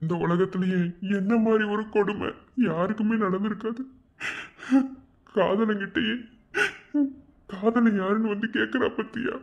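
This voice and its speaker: An actor plays a young man in a television drama, speaking in an at a mid pitch. He is blunt and teasing, yet gentle and coaxing with his friend. The sound is dull and lo-fi. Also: brisk, lightly acted. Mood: fond. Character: young village man, loyal friend, hiding a secret.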